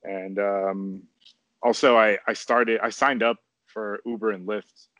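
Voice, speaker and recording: A man with a lowish voice speaks casually, pausing often and restarting his sentences. The recording is dry and close, with no room sound. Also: fairly even intonation, fairly bright tone, no echo. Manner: hesitant, full of fillers and restarts. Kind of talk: casual conversation.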